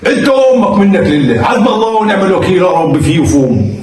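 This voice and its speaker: A man's voice: sits high, big pitch swings, rapid-fire, darkish tone, slight background noise. Egyptian man, comedy sketch, exasperated and cursing, echoey room, distant mic. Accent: Egyptian Arabic.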